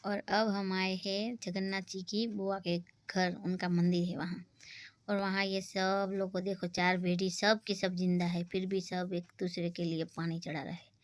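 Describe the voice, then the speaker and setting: A woman's voice: mid-range voice, flat delivery, measured pace, no echo. Chatty Gujarati woman vlogging in whispers. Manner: chatty, repeats "look" over and over, mixes Gujarati and Hindi; often drops to a hushed whisper. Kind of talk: casual travel vlog narration. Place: outdoors at a beach. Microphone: phone camera.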